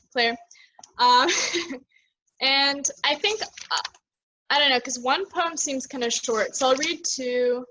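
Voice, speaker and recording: Woman with a high voice reading her own poems at an online open mic, chatty and a little self-deprecating, on a video call. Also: sharp tone, lo-fi sound.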